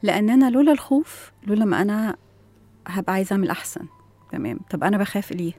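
An Egyptian woman speaks as an education expert on a talk show. Her voice is husky and mellow, and she talks very fast. She explains step by step and keeps asking rhetorical questions. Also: medium pitch, animated, dry recording. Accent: Egyptian Arabic. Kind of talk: explaining in an interview.

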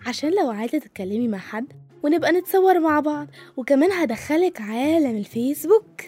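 An actress playing a coaxing young granddaughter with an Egyptian accent in a comedy sketch. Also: female voice, high-pitched, lively intonation, fast, warm tone, faint music behind. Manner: coaxing, teasing, patient.

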